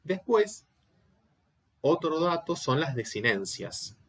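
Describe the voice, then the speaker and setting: A man's voice: on the high side, big pitch swings, slow, slightly rough. A man giving an online Latin class, explaining step by step and often checking that students follow. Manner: patient, explanatory, asks checking questions. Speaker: Latin teacher.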